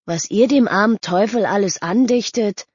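A woman's voice: medium pitch, moderate pace, darkish tone, husky, no room sound, pitched above the performer's own voice, natural voice. A woman voicing a curious, level-headed teenage boy who speaks reasonably and skeptically. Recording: dull lo-fi audio.

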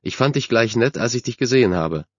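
A man's voice: mid-range voice, expressive, brisk, dry recording, dull audio, natural voice. A man voicing a confident, friendly girl who is a team captain and stands up for others. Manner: self-assured, friendly.

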